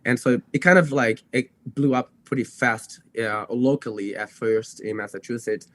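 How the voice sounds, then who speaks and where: A young man from Brazil, native in Portuguese, guests on a podcast and casually narrates his own story as a dog trainer. He speaks at a moderate pace in a medium-pitched, slightly bright voice, meandering and self-correcting, with frequent "you know" and "like."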